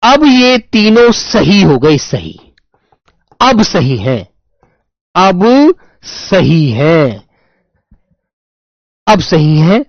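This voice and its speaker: A fairly high-voiced male teacher leads an online lesson, stretching out each phrase as if dictating and repeating it several times over. His pitch rises and falls lively while he calls his students "my dear children". The recording is dry and slightly muffled. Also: no echo. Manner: slow, drawn-out dictation with many repetitions, addresses students as "my dear children". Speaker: Hindi teacher. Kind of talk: online exam-prep lesson.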